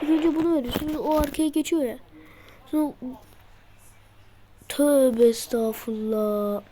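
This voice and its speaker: A woman giving a casual gameplay tutorial, excitable and muttering and shouting at the game as she plays. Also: high-pitched, quick pace. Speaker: gameplay video maker.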